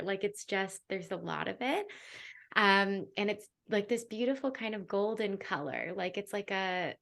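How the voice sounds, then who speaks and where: A young woman hosts a podcast and gives a spiritual guidance reading in a relaxed, chatty way. Her speech is full of fillers and small laughs. She often drops into a soft, hushed voice while she describes what she sees. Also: medium pitch, gravelly. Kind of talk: casual podcast chat and intuitive reading.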